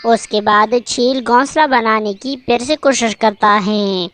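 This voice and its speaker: A woman narrating a children's cartoon story in a plain, matter-of-fact way. Her voice is high, and she takes it slowly. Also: fairly bright tone.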